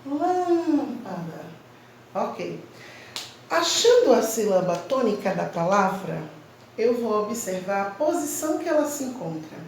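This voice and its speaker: A woman teacher giving a slow, emphatic grammar lesson to children, stressing each syllable clearly. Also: mid-range voice, big pitch swings, darkish tone, distant mic, slight background noise. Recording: very echoey room, voice from off-mic.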